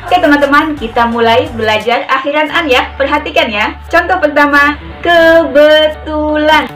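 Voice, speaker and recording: A woman with a high voice leads a casual sign language lesson, repeating each word slowly as she demonstrates it. She sits a little away from the mic. Soft music plays faintly underneath. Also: recorded from a distance. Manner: chatty, repeats words slowly while demonstrating signs. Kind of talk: casual tutorial.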